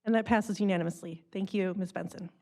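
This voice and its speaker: A woman chairing a city council meeting, calling motions and votes in a brisk procedural way. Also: medium pitch, steady tone, a little mellow. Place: council chamber.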